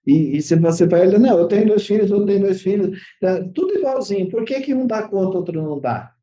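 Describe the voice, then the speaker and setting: A man's voice: sits high, expressive, quick pace. A Brazilian man, a therapist, explaining his ideas in an interview with many fillers and restarts. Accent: Brazilian Portuguese. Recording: dull lo-fi audio.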